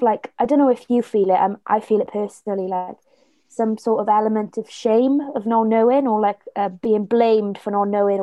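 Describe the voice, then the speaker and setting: A woman's voice: on the high side, warm tone, no room sound. A young woman with a South Wales Valleys accent, chatting casually as she leads a discussion. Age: young adult. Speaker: youth project participant leading discussion. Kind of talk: casual conversation.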